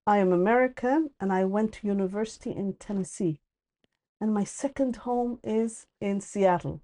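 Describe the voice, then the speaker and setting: A woman's voice: medium pitch, moderate pace, dark tone. A middle-aged woman from Ethiopia and the UAE, a podcast guest talking in a thoughtful, hesitant way with many restarts. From born in Ethiopia, raised in the UAE. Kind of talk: casual conversational interview.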